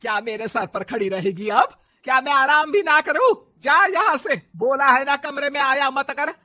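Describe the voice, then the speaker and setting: A nagging, bossy older mother-in-law from a cartoon, voiced by a man. The voice sits extremely high, sounds very bright and sharp, and lingers over every word. She scolds without letup. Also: slow pace, dry recording, exaggerated voice. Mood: scolding. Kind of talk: cartoon voice acting.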